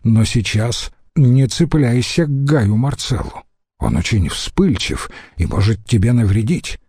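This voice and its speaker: Man doing a mocking young roman senator, breezy, lively pitch, slow delivery. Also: breathy edge, no echo, studio quality. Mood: confiding.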